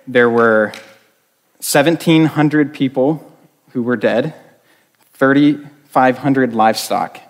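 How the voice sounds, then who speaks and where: A man's voice: mid-range voice, takes it slowly, long pauses. A man preaching a sermon as a youth pastor, talking conversationally with many fillers and restarts. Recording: long reverb of a large hall.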